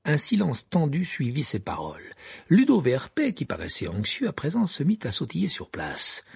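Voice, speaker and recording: A man narrates an audiobook with expressive storytelling. His voice sits a bit high and moves with lively range. It has a husky, gravelly edge. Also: moderate pace, dry recording, studio quality. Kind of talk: scripted narration.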